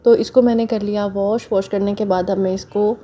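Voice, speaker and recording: A slightly hoarse woman, chatting homely and directly to viewers while narrating her chores. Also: medium pitch, fairly even intonation, brisk, dark tone. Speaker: home vlogger. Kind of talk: casual voice-over narrating chores.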